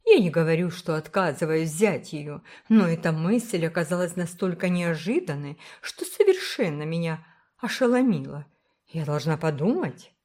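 A woman voicing a brisk, kindly older village woman who speaks firmly and emphatically. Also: low voice, very animated, darkish tone. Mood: emphatic. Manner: firm, emphatic, motherly.

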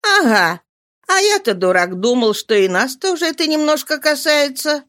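Give me a reader doing a brash male worker, mocking and loud, with a lively swinging voice. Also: high-pitched, moderate pace, voice pushed up. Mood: defiant. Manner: jeering, loud, taunting. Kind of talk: audiobook character voice.

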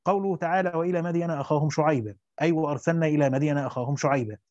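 Reading aloud from a Quran commentary, this male teacher races through the classical Arabic before stopping to explain things colloquially, often restarting his sentences. The tone is dark and mellow though a little high, and the dry, dull recording has no room ambience.

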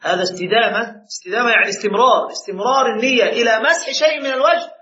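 A man's voice: extremely high pitch, rapid-fire, pushed and bright. A man teaching a jurisprudence lesson as a sheikh, emphatic, with rhetorical questions to his students. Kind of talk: classroom lecture with questions. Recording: echoey room, muffled lo-fi sound.

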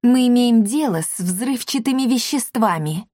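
A woman's voice: a little high, animated, moderate pace, mellow, dry recording, pitched above the performer's own voice. A grumbling old iguana apothecary, testy and put-upon, as a woman reads him. His lines sit near her own voice, dry and close. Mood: irritated. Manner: grumbling, irritable.

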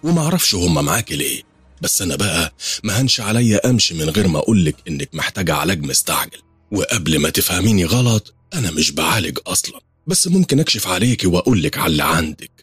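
A man's voice: deep voice, sing-song, racing, fairly bright tone, husky, dry recording, soft background music, exaggerated voice. A man with an Egyptian accent voicing a strange veiled woman who insists she sees spirits around people, speaking in an ominous, matter-of-fact way. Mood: ominous insistent.

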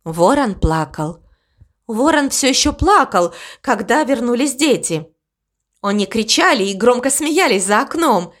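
A woman narrating a children's storybook in a slow, expressive, sing-song way. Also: a little high. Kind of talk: storybook reading.

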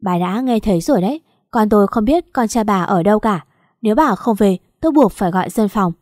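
A woman's voice: medium pitch, expressive, fairly quick, darkish tone, no room sound, clean studio sound, lightly acted. A woman voicing a gray-haired older father who speaks sternly and reproachfully in an audio story. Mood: angry.

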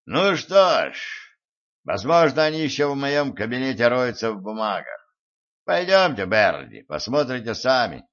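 A man reading an audiobook and voicing a scornful, cool-headed rich man who speaks slowly and mockingly. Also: mid-range voice, big pitch swings, a bit bright. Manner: mocking, unhurried, emphatic. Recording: muffled lo-fi recording.

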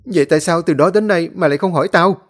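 Earnest young male disciple, high and loud, husky; a man voicing him in a story reading. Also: racing, natural voice.

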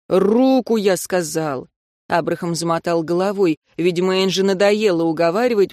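Female narrator for a first-person audiobook: expressive, lively, dry studio-close sound. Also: lowish voice, dry recording.

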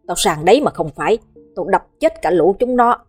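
A woman voicing a gruff, domineering older village master who barks orders and threats. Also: mid-range voice, expressive, normal speed, darkish tone, soft background music. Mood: threatening. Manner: barking, threatening.

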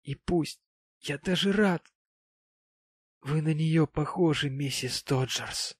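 A man voicing a tipsy, tearful, sanctimonious widowed gentleman, talking in a maudlin, slurred, pompous way in an audiobook. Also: a little high, takes it slowly, dry recording, studio quality, pitched above the performer's own voice.

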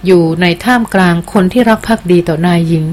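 A woman's voice: fairly low pitch, quick pace, a little mellow, natural voice. A woman reading aloud as a loyal jungle queen who speaks with earnest, deferential respect in an audiobook.

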